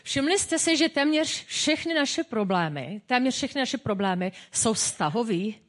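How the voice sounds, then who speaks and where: Woman pastor, sermon, fairly high voice, chatty and humorous. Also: expressive. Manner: personal, humorous, conversational preaching.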